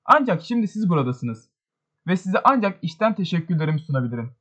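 Bir adam, telaşla gevezelik eden genç bir sosyete hanımını seslendiriyor. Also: male voice, sits high, very animated, quick pace, a bit bright, dull audio, full character voice. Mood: flustered. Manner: breathless, chattering excuses. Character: flustered young society lady.

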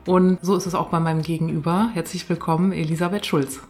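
Woman host, low-ish voice, chill chatty podcast from her living room, lots of ums and mhms. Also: fast. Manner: relaxed, friendly, with frequent fillers and backchannel murmurs. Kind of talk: casual conversational interview.

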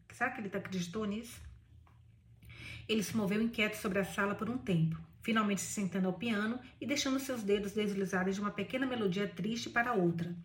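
A woman's voice: mid-range voice, far from the mic. Brazilian woman reading a novel aloud, echoey room. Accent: Brazilian Portuguese. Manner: gushing asides to listeners. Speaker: book club reader.

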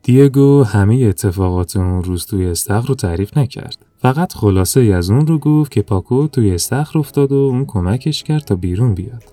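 A man narrating a children's story in a calm, even storytelling manner. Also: lowish voice, few pauses, no echo, soft background music.

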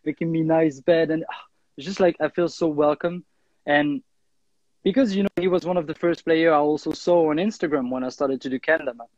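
A man's voice: on the high side, fairly quick, darkish tone, dry recording, muffled recording. A young man from Switzerland, chatting casually as an interview guest, full of fillers and restarts. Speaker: guest, freerunner and kendama player.

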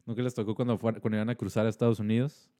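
A man's voice: on the low side, very fast. Male podcast co-host, laid-back slangy banter. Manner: relaxed, slangy, joking. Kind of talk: casual chat.

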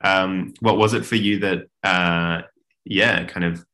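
Deep, bright-toned male podcast host. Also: slow. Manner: relaxed, encouraging, many mm-hmms and ums. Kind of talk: podcast interview.

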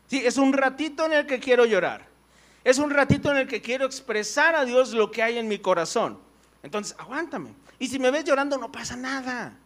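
A man's voice: very high voice, expressive, normal speed, a bit bright. A man preaching a conversational sermon in church. He tells personal stories, full of fillers and "right?" tags.

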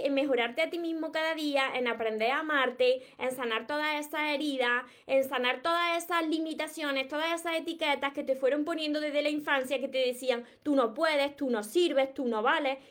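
A woman from Córdoba with an Andalusian accent, giving an earnest motivational talk to viewers on a live stream. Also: sits high. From Córdoba, Andalusia, Spain. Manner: earnest, repetitive, addresses viewers directly. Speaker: self-help live streamer.

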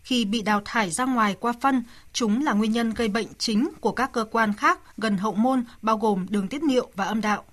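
Woman narrating a radio health segment, scripted, voice a bit high. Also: fairly quick, few pauses, fairly bright tone.

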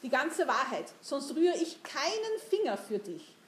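A woman's voice: high voice, big pitch swings, unhurried, a little hiss or hum, voice pushed up. A woman voicing a domineering, mocking older merchant who talks down to a boy in a storybook reading. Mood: commanding. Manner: commanding, mocking. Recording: roomy echo.

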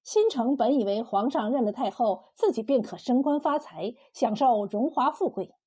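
A woman narrating a historical tale in a steady storytelling manner. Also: a little high, moderate pace, breathy edge.

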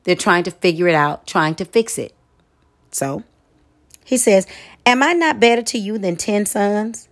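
Expressive woman preaching a sermon. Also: medium pitch, unhurried, long pauses. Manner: expressive, conversational preaching with dramatic asides.

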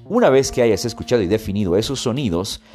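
A man's voice: fairly low pitch, fast talker, faint music behind. A man hosting a podcast lesson on English intonation, switching between Spanish and English and acting out lines dramatically to demonstrate. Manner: expressive, demonstrates intonation with sung and dramatic readings. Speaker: English teacher and podcast host.

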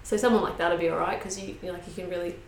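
A woman's voice: on the low side, fairly even intonation, rapid-fire. A woman co-hosting a casual chat, joking and blunt as she banters. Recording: echoey room, faint background noise.

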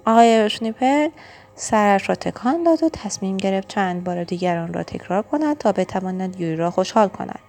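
A woman reading a children's storybook aloud, expressive and engaging, speaking to the young listener. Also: medium pitch. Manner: warm, expressive and engaging, asks the listener questions.

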